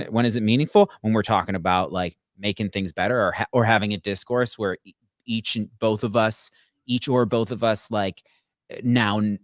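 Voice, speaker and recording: A man's voice: fairly low pitch, no room sound, studio quality. A man in casual conversation, rambling with many restarts and stammers. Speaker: podcast co-host. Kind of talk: casual chat.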